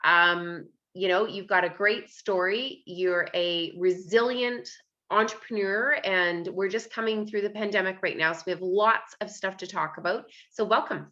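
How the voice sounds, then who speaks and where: A woman's voice: mid-range voice, fairly even intonation, a little slow, pushed and bright, lo-fi sound. A woman hosting an interview podcast, chatty and encouraging, with many fillers. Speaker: podcast host.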